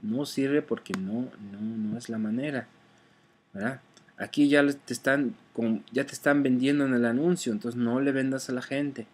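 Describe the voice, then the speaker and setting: A man's voice: medium pitch, steady tone, normal speed, a little mellow, a little hiss or hum. A man teaching car sales in a casual, conversational way, often checking in with his listener and correcting himself as he goes. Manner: conversational, often adds "¿verdad?"; frequent fillers and self-corrections. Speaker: online sales instructor.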